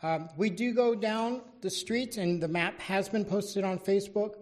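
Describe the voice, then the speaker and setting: Steady presenter at a public meeting. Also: mid-range voice, unhurried. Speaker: fire chief presenting at a city council meeting.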